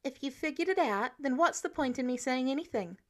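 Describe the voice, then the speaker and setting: An earnest, defiant young male superhero, acted out by a woman narrator in an audiobook. The voice sits high and swings freely in pitch, with a sassy, indignant edge. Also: expressive, a little fast. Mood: defiant, cheeky. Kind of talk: audiobook character dialogue.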